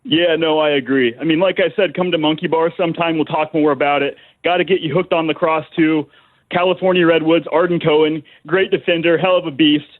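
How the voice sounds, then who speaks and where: A man calling into a radio show over the phone on speakerphone, chummy and brisk as he works through a list of points. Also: a little high, fairly even intonation, narrow, tinny audio. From New York. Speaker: radio call-in caller.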